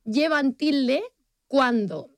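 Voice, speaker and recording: A young woman from Spain co-hosting a podcast, a playful, animated storyteller who laughs a lot. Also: high voice, drawn-out words, dry recording. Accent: Spain Spanish. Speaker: podcast co-host. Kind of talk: casual chat.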